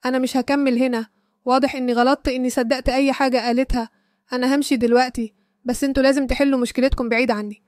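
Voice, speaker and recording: A woman reading the lines of a shaken, deceived husband in Egyptian Arabic, quickly and evenly in her own voice. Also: high-pitched, level tone, darkish tone, no room sound, clean studio sound, close to an everyday voice.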